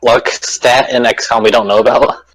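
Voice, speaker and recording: A man's voice: mid-range voice, steady tone, normal speed, a bit bright, breathy edge, low-quality recording. A man chatting casually as a podcast co-host, putting questions in an inquisitive way. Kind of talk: casual chat.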